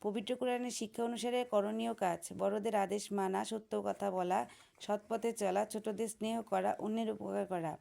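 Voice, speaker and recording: A Bangladeshi woman teacher reads through workbook answers aloud, ticking off each item in a steady, drilled rhythm. Her voice is heavily gravelly with strong fry, and she keeps her pitch almost flat from item to item. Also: a little fast. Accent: Bangladeshi Bengali. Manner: steady drilled listing, letter by letter. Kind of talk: reading textbook answers aloud, recitation.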